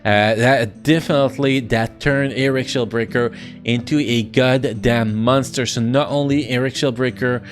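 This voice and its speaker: A man with a French accent giving casual, excitable commentary on a mobile game, full of restarts and playful sound effects. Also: mid-range voice, a little slow, soft background music.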